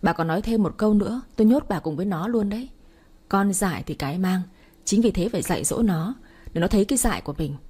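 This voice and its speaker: A woman's voice: mid-range voice, expressive, fast, dark tone, slightly rough. A woman voicing an angry, stern elderly father who scolds harshly in a storybook reading. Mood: furious.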